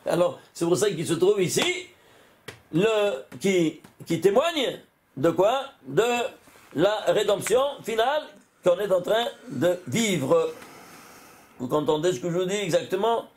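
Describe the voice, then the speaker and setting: A man, a rabbi, giving an animated Torah lesson, often exclaiming and putting questions to his listeners. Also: high-pitched, moderate pace.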